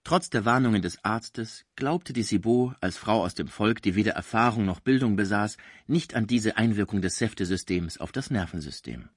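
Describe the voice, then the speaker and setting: A man narrating a classic novel as an audiobook in measured, expressive storytelling. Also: on the low side, slightly rough, dry recording, clean studio sound.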